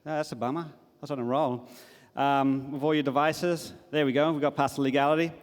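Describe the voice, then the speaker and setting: A man's voice: fairly high pitch, steady tone, a little fast. Man giving a stage talk. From Australia. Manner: casual, enthusiastic, with frequent fillers. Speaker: conference speaker. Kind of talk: conference talk. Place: large conference hall. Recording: long hall reverb.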